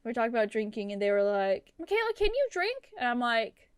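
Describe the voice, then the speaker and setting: Woman in her twenties, high voice, dry close sound, podcast co-host, animated storytelling. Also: fast, clear, resonant tone, no echo. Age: 20s. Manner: animated storytelling with quoted asides. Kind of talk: casual chat.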